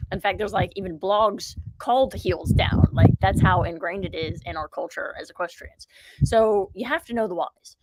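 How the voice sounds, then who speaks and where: A woman's voice: mid-range voice, normal speed. A woman in her thirties, a riding coach teaching on a live stream from an outdoor ranch. She talks energetically into a close phone camera and keeps checking in with viewers. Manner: energetic, repeats "okay?" and urges viewers to comment. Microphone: phone camera held close.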